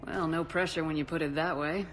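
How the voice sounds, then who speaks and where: A woman's voice: deep voice, steady tone, fairly quick, close to an everyday voice. A woman playing a determined military commander in a video game, with a direct, composed way of talking. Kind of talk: video game dramatic acting. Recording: game dialogue over music.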